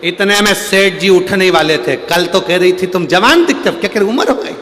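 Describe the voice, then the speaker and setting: A man giving a devotional storytelling sermon at a large religious gathering, acting out the people in a folksy parable and swinging from loud to hushed. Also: high voice, expressive, fairly quick. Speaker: preacher. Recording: long hall reverb.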